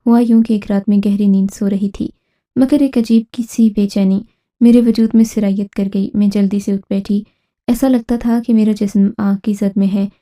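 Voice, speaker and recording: In a medium-pitched voice, a woman recounts a dramatic family tale from her own point of view. She keeps an even, rehearsed narrative tone throughout.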